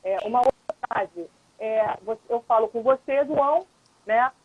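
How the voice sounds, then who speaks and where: A woman's voice: a little high, moderate pace, husky, no room sound. A woman lawyer and mediator, a guest on a live stream, explaining patiently in a casual chat and often checking in with the listener. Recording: dull lo-fi live-stream audio, dry.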